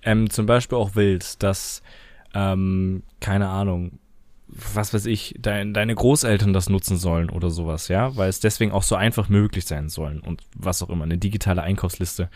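A man co-hosting a podcast in casual chat, talking emphatically and quick to disagree. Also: low voice, darkish tone, no echo. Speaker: podcast co-host.

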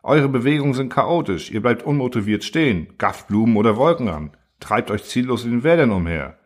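A man reading the part of a condescending machine that rules by order and lectures its makers in a calm, lecturing manner. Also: mid-range voice, a little fast, lightly acted. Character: cold, lecturing order-obsessed machine ruler.

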